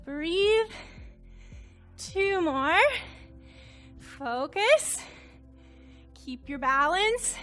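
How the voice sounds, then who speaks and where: High-pitched woman coaching pilates, kinda breathless, counts reps, music faint in the back. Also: lively intonation, drawn-out words, pauses often, a bit bright. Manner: encouraging, counts reps aloud. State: slightly out of breath. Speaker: Pilates instructor. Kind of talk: cueing a workout class.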